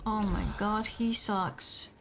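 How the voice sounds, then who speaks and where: A woman's voice: mid-range voice, steady tone, slow. A woman giving casual commentary as she streams a game, chatty and swearing freely as she explains her character's thoughts.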